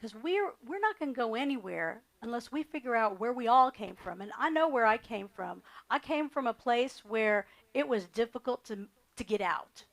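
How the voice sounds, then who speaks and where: A woman's voice: a little high, lively intonation, normal speed, vocal fry, few pauses. A middle-aged woman, a candidate giving earnest, repetitive interview answers. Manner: earnest, repetitive campaign phrasing. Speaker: candidate for county attorney.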